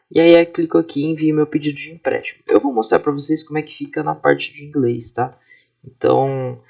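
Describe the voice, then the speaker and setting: A man in his twenties from Brazil, a student walking through his software project in a casual, explanatory way, often checking in with his listeners. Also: mid-range voice, creaky, lo-fi sound. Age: 20s. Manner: casual, explanatory, frequent fillers and tag questions. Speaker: student presenting a class project. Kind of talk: screen-recorded software walkthrough.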